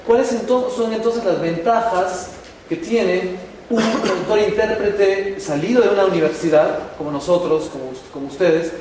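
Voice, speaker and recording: A man moderating a university talk, asking questions haltingly with restarts. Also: high-pitched. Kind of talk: audience Q&A. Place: university lecture hall. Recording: echoey hall, distant, noisy.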